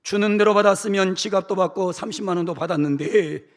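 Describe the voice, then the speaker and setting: In a church sermon carrying long hall reverb, a middle-aged male pastor whose voice sits high gives a dramatic delivery. He performs quotes with shouted bursts alternating with slow, pleading lines.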